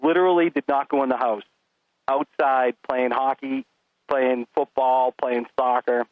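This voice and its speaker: Speaking a little slowly at medium pitch, this middle-aged podcast guest casually tells animated stories, playing both his kids and himself. The audio is narrow and tinny, with no room sound.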